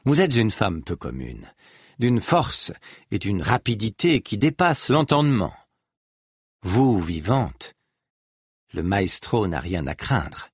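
A man doing a soft, menacing scientist. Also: fairly low pitch, very animated, slow, pauses often, breathy edge, no echo, clean studio sound, exaggerated voice. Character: smooth menacing male scientist. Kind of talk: audiobook reading.

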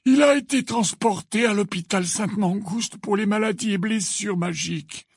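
A man voicing an old, grand headmaster wizard in an audiobook, speaking slowly and with calm authority. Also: high-pitched, creaky, husky, no room sound, studio quality, pitched above the performer's own voice, heavily acted. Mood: explaining. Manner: slow, deliberate commanding speech. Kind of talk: audiobook character voice.

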